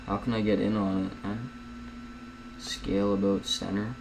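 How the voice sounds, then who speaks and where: Low-voiced young man rambling tutorial. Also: little pitch movement, moderate pace, creaky, noisy background. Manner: rambling, chatty, keeps addressing viewers as guys. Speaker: video editing tutorial host. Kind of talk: casual screen-recorded tutorial. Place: at home.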